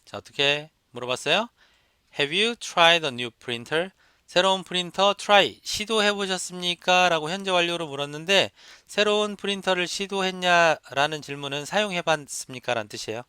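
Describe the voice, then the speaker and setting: Bright, clear-voiced male lecturer. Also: high-pitched, moderate pace, dry recording, studio quality. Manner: explains step by step, repeats examples and asks students to repeat. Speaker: English test instructor.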